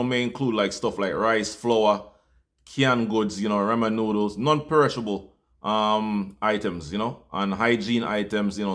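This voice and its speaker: Jamaican male host, low-pitched, earnest appeal, casual with fillers. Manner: heartfelt, loose with fillers. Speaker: channel host.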